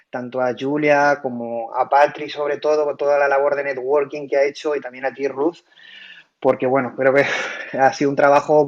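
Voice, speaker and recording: A man from Spain hosts an online audio room, speaking in a middling voice and explaining in a casual way. He stumbles, restarts and fills pauses as he goes. The sound is muffled, like a voice chat app. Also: medium pitch, darkish tone. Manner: hesitant, many fillers and restarts.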